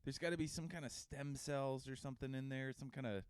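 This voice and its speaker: A man's voice: mid-range voice, steady tone, brisk, clean tone, no echo. Rambling, joking male podcast co-host, dry close sound. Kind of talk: casual comedic podcast banter.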